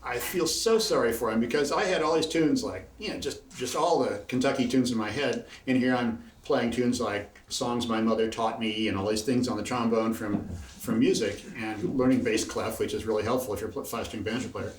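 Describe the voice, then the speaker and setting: Between tunes at a living-room house concert, a Bloomington, Indiana banjo player in his sixties spins chatty, rambling stories full of chuckling asides, speaking briskly with few pauses in a medium pitch. Captured by a distant camera in the room, the audio is roomy with faint background noise.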